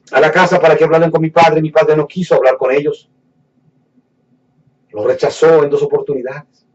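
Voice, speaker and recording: A man preaching his testimony with fervent passion, his fairly high voice dropping low and soft, then rising loud and slowing to stretch out key words. The sound is dull and lo-fi, picked up from a mic some way off. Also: recorded from a distance. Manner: impassioned, swings between hushed low lines and raised fervent ones; slows down and stretches words for emphasis. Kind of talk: emotional sermon testimony.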